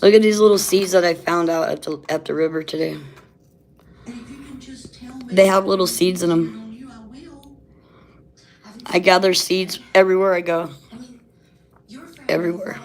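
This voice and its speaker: A woman with a fairly low voice talks in a loose, rambling, conversational way. Missing teeth soften and slur her s, sh and ch sounds slightly. She often tags her phrases with a quick check for agreement. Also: fairly even intonation. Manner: often ends phrases seeking agreement with "right". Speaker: vlogger. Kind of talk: casual rambling chat.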